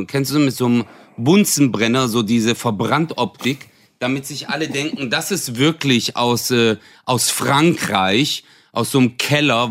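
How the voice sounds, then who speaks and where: A young adult man co-hosting a comedy podcast, telling stories in an animated, mocking rant full of slang and laughter. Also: mid-range voice, no room sound. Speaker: podcast co-host. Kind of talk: comedic casual storytelling.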